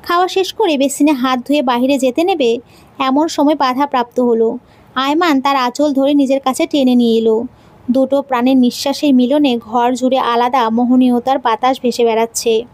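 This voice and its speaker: A woman narrating a romantic audio story in a steady, expressive reading. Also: high-pitched, normal speed, dry recording.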